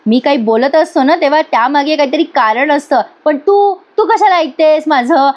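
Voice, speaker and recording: A woman's voice: high voice, normal speed, pitched above the performer's own voice, natural voice. A woman voicing an arrogant, rich young man who lectures and blames in a reproachful way. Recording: dull lo-fi recording.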